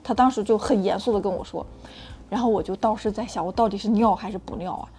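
A woman hosting her own channel, telling a frank personal story in an animated, chatty way with many restarts. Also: medium pitch, fast, a little hiss or hum. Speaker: channel host sharing personal experience.

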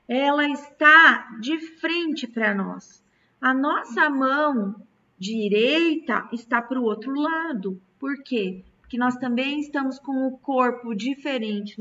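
Patient Brazilian woman teacher, slow. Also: fairly high pitch, sharp tone. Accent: Brazilian Portuguese. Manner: slow, patient, stretching key words. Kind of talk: recorded geography lesson for children. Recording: distant, dull lo-fi mic.

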